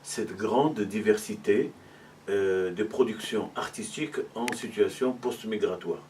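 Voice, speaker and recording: Answering interview questions, a middle-aged university arts and culture officer from Morocco explains patiently, pausing often to hesitate. His lowish voice is a little mellow and sounds slightly far from the mic, over a faint ambient hiss.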